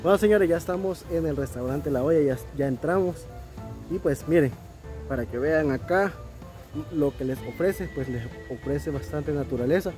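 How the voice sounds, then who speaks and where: Salvadoran dude vlogging outside, kinda high mellow voice, chatty, music under it. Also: male voice, normal speed. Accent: Salvadoran Spanish. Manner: chatty, enthusiastic, laughs often. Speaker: vlogger host. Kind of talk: casual travel vlog. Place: outdoor riverside restaurant.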